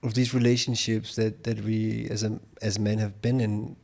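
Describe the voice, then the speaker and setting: Man, host, therapy-style interview, probing questions, searching for words, gravelly. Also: on the low side, little pitch movement, moderate pace, a little mellow.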